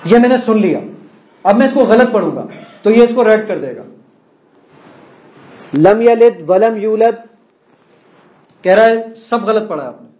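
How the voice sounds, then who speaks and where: A man's voice: high-pitched, animated, a little mellow. A man giving a live presentation to an audience, demonstrating an app and explaining each step to the room. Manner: explanatory, addresses audience directly. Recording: echoey hall.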